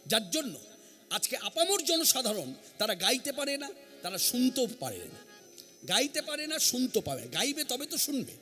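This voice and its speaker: A man's voice: extremely high pitch, big pitch swings, moderate pace, bright, forceful tone, soft background music. A man preaching a devotional sermon to a gathering, earnest and emphatic, repeating his key phrases. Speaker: kirtan singer and preacher. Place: standing before an assembly.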